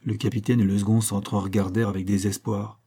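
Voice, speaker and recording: A man narrating a novel in a measured, literary reading. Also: fairly low pitch, level tone, mellow, breathy edge. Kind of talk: scripted narration.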